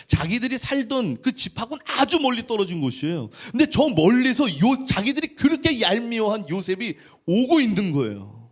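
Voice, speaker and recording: A male pastor preaching in a high, lively voice. He tells the story with animated storytelling and keeps asking the congregation rhetorical questions. His pitch swings widely as he goes. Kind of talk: sermon.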